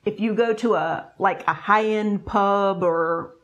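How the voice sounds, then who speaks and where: A woman's voice: mid-range voice, slow pace, a bit bright, muffled recording. Woman, middle-aged, mid-range voice, casual review chat, agreeable, emphatic. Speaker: food review co-host. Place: small indoor room at a table. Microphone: lapel mic.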